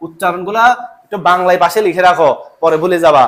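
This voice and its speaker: High-voiced man teaching. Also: fast talker, fairly bright tone, slight background noise. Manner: repeats terms and keeps checking understanding. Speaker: biology teacher. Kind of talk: live classroom lecture.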